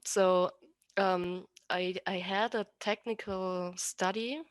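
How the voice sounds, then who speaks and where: This woman, a rigger being interviewed on a podcast, has an Austrian accent and German as her first language. Her medium-pitched voice is smooth and slow with fairly even intonation, and she often restarts and corrects herself, recorded with no room sound.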